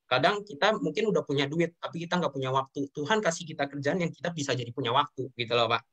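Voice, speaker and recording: Speaking fast in a fairly bright, highish voice, the young Indonesian guest tells the host about his business with earnest emotion. He frequently addresses the interviewer respectfully.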